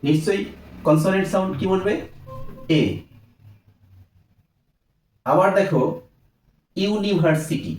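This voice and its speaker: A man's voice: high voice, measured pace, long pauses, darkish tone, reverberant, far from the mic. A man teaching a grammar lesson, asking questions and answering them himself.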